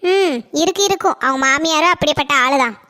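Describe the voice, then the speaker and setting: A woman speaks in a high, brisk, bright voice with a forceful edge, playing a gossipy, stingy middle-aged housewife in a cartoon. Her Kanyakumari Tamil accent and tart, chatty delivery suit the gossiping mood of this comedy dialogue.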